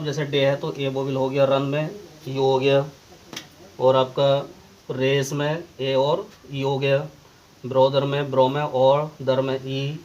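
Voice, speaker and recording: Indian man slowly teaching English grammar. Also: medium pitch, darkish tone, highs cut off. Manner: slow, dictating English definitions word by word. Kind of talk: classroom lesson explaining grammar.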